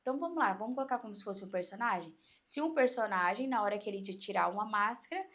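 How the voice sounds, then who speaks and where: A woman coach with a Brazilian Portuguese accent, explaining in an animated way on an interview podcast and acting out inner voices. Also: mid-range voice, fast.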